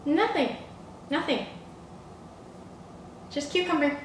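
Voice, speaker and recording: A woman's voice: high voice, animated, slow, very echoey, recorded from a distance, a little hiss or hum. A woman playing a dry, curt female sandwich-shop worker. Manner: dry, curt, correcting the customer.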